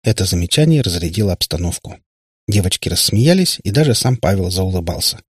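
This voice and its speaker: A man narrates an audiobook in a calm, even way. His voice is low with a husky grain. The recording is dry and close, with no room sound. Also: fairly quick, no echo. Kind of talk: scripted narration.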